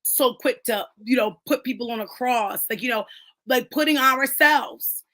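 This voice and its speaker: A woman's voice: fairly high pitch, measured pace, fairly bright tone, no room sound. A woman in casual, emphatic conversation about faith at a book club, talking with lots of fillers.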